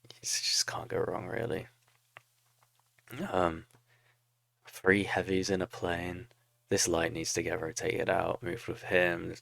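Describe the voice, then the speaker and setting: A man's voice: low voice, monotone, takes it slowly, gravelly, pauses often, a bit bright, no echo. A young man casually commentating his own strategy game replay, thinking aloud and criticizing his own moves with a laugh. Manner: self-critical, talks through moves, laughs at own mistakes.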